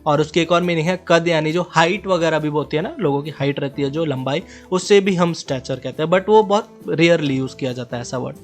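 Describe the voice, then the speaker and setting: A young man teaching English words with Hindi explanations, reading each example slowly twice before explaining it. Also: a little high, faint music behind.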